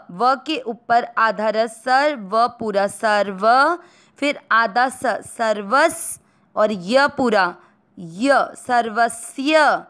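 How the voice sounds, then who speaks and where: An Indian woman teaching Sanskrit pronunciation, breaking words into syllables and then chanting each verse slowly. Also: on the high side, a bit bright, clear, resonant tone. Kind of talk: slow syllable-by-syllable recitation lesson.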